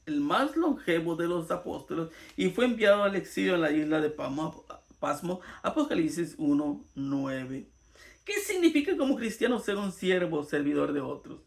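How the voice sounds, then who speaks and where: A man's voice: high voice, creaky. A man giving an earnest Bible lesson in sermon style, his voice rising and falling for emphasis. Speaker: Bible teacher.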